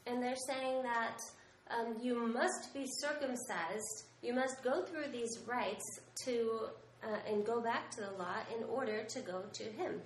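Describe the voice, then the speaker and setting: A woman interpreting a sermon at a slow pace, her voice a little high. She hesitates often with fillers, and the recording is echoey with faint noise.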